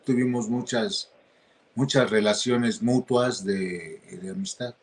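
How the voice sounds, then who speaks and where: A man answering interview questions in a hesitant, halting way, with many restarts. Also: fairly low pitch, steady tone. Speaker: interview guest.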